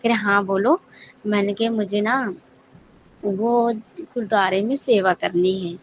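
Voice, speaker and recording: A woman's voice: medium pitch, fairly even intonation, unhurried, slight background noise. A woman sharing an earnest devotional testimony with the congregation, often addressing them respectfully. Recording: dull lo-fi audio.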